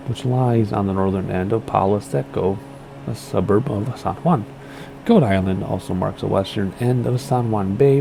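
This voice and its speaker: A gaming streamer chats casually over a flight sim, reading place notes aloud as his voice gives out and he trips over names in a playful, rambling way. His voice is lowish and dark with vocal fry, over slight background noise.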